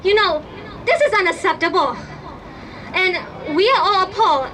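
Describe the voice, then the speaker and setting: A woman's voice: very high voice, normal speed, bright, forceful tone, a little hiss or hum. A young woman from Burma giving an impassioned, emphatic speech to a crowd at a protest rally. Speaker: rally speaker.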